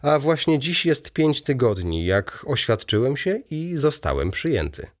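A man reading an audiobook voices a fussy, excitable aging male baron in a raised, eager, chattering manner. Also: medium pitch, measured pace, voice pushed up.

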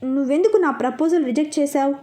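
A man's voice: very high voice, fast talker, dark tone. Storybook: woman playing a pleading, pushy young rich man. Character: wealthy young male suitor, pleading yet pushy.

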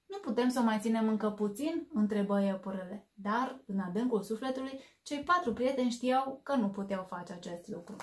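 A woman reading a children's story aloud and hosting her own storytelling channel, expressive and lingering on words. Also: fairly high pitch.

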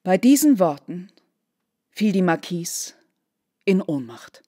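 A woman's voice: on the low side, big pitch swings, warm tone, husky, no echo, clean studio sound. Woman giving a formal literary reading. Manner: measured, dramatic, formal diction. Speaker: actress reading aloud. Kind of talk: literary reading of a classic novella.

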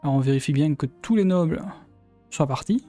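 Man from Belgium, let's play commentary, fairly high voice, rambling self-talk, faint game music behind. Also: lively intonation, brisk, mellow. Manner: chatty, thinks aloud, trails off mid-sentence. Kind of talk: live gameplay commentary.

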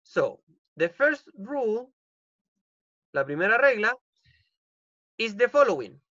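A man's voice: sits high, big pitch swings, slow, pushed and bright, no room sound, highs cut off. A male English teacher with a Chilean accent, giving an online class and repeating each rule in Spanish with frequent "ok?" checks. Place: home. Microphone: computer mic on a video call.

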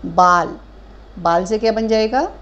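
A woman teaching a kindergarten Hindi lesson, stretching out each word slowly and asking gentle questions of young children. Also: medium pitch, highs cut off. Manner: slow drawn-out syllables modelling words for children; patient questioning, addresses children as beta.

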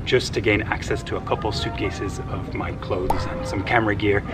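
A man's voice: fairly low pitch, steady tone, normal speed. Chatty man vlogging over background music. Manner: chatty, enthusiastic. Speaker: travel vlogger. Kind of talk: casual vlog narration. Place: outdoors on a city rooftop and streets. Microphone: handheld camera at arm's length.

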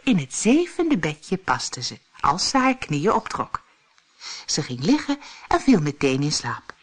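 Woman storyteller, slow, breathy, lively voice, fairy-tale reading. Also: sits low. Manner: expressive, lively. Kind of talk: scripted fairy-tale narration.

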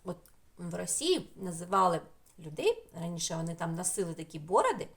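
A woman's voice: lowish voice, sing-song. Sing-song woman teaching small children. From Ukraine. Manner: slow, sing-song teacher talk, drawing out sounds. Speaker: preschool teacher. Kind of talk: remote lesson for young children.

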